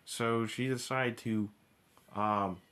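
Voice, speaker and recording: This reviewer's voice is mid-range, steady and a bit bright. Ranting informally about a cartoon episode, he's blunt and profane, his delivery halting with frequent restarts and backtracking.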